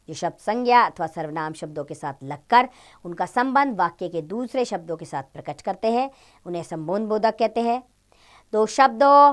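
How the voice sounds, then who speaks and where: A woman teacher explaining a grammar chapter to schoolchildren, acting out each example word. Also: mid-range voice. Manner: expressive, acts out example exclamations. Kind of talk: Hindi grammar lesson for children.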